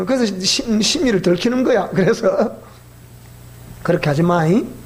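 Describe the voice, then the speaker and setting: A middle-aged male pastor with a Gyeongsang Korean accent, preaching in a folksy, animated storytelling manner. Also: sits high, moderate pace. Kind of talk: sermon.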